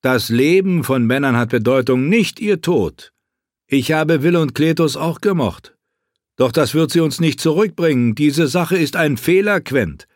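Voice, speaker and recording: A man's voice: on the high side, lively intonation, unhurried, no echo, voice pushed up. In a dry, close recording, a man reads a mocking young swordsman from a fantasy audiobook. The voice sits well above the reader's own, blunt and teasing, pushing hard on every point. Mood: mocking, urgent. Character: wry mocking young male sellsword companion. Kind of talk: audiobook character voice.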